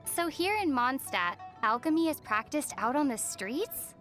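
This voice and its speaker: Young female otherworldly traveler for an anime game: high, gentle, musing, faint music behind. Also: expressive, measured pace. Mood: puzzled, gently teasing. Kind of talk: scripted anime game dialogue.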